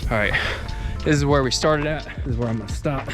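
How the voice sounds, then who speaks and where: A man's voice: medium pitch, quick pace. A man talking casually and unscripted to his viewers while jogging, exerting himself as he speaks. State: exerting, working up a sweat. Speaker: video creator vlogging about the channel. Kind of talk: casual unscripted vlog monologue. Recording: music behind the voice.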